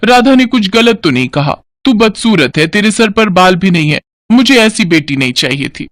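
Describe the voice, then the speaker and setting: A man's voice: high-pitched, sing-song, moderate pace, fairly bright tone, no echo, clean studio sound. A man voicing a cold, harsh mother who taunts her daughter. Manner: taunting, curt.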